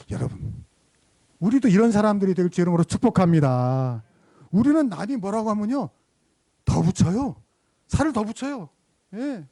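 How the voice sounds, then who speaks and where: Male pastor, sermon storyteller; fairly high, lively pitch, dry close mic. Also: no room sound. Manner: storytelling, asks the congregation questions.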